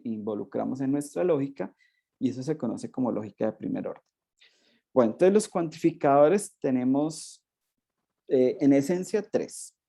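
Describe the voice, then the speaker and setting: Gravelly, husky Colombian math lecturer. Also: male voice, medium pitch, dark tone. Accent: Colombian Spanish. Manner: checks in with frequent "¿sí?" tags; acts out hypothetical questions while explaining. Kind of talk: recorded online class lecture.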